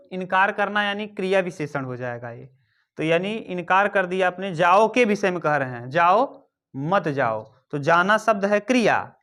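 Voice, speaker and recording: A man's voice: high-pitched, fairly bright tone. A male teacher giving an exam-prep grammar lesson, repeating key terms and quizzing and dictating to his students.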